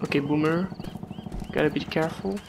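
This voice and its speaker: A let's play gamer commenting casually on gameplay, excitable and joking, with yelps and non-native English phrasing. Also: mid-range voice, fairly quick, creaky, background noise. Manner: excitable, yelps and laughs, jokey asides. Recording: game music and gunfire under the voice.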